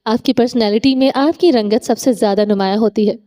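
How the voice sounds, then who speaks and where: A woman's voice: fairly high pitch, mellow, natural voice. A woman reading the lines of a proud, stubborn young woman in a romance audiobook, defiant and earnest.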